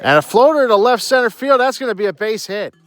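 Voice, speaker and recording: A man doing live baseball play-by-play, in an excited home run call. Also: sits high, fast, soft background music.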